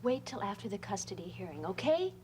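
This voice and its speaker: A woman's voice: medium pitch, big pitch swings, brisk, a little mellow, a little hiss or hum, close to an everyday voice. An actress playing a worried woman protecting her sister in a daytime soap, speaking anxiously and pleadingly. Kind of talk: daytime soap opera acting.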